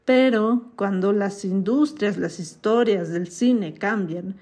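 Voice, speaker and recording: A woman's voice: mid-range voice, slow pace, warm tone. A woman from Mexico with a Mexican accent hosting a podcast, chatty and opinionated, with an occasional self-mocking laugh. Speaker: podcast host. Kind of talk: casual podcast commentary.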